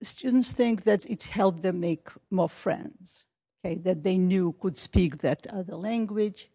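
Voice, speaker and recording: A woman's voice: lowish voice, a little slow, dark tone. A middle-aged woman giving a plenary lecture at an academic conference, talking conversationally with restarts and fillers. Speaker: conference speaker. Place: conference hall.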